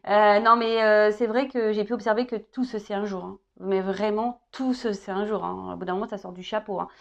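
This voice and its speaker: A woman's voice: mid-range voice, fairly even intonation, fairly quick, vocal fry, muffled recording. A woman in her thirties giving a casual tarot guidance reading, chatty and joking. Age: 30s. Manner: chatty and joking, tagging phrases with "hein". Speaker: tarot reader.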